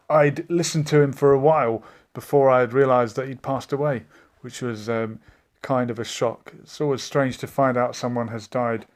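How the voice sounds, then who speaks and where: A man hosts a relaxed live stream, chatting casually as he reads out viewer comments. He meanders from thought to thought and pauses often as he searches for words. His voice sits at an ordinary middle pitch. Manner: meandering and chatty, with frequent hesitations.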